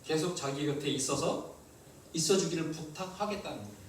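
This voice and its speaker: A male pastor preaching a sermon, lively and asking the congregation questions. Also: on the high side, brisk, heavy reverb, far from the mic, slight background noise, low-quality recording. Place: church hall.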